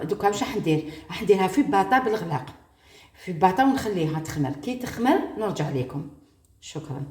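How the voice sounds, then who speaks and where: Cooking at home for her audience, an Algerian woman gives a relaxed tutorial in Arabic peppered with French words. She speaks in a fairly low, darkish voice, and the sound is reverberant.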